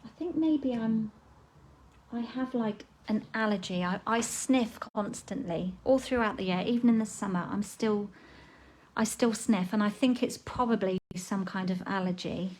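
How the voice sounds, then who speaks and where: A woman's voice: mid-range voice, moderate pace, slight background noise, low-quality recording. Chatty woman demonstrating crafts. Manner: chatty, relaxed, talks while working. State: frog in the throat. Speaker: papercraft demonstrator. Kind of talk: live craft tutorial.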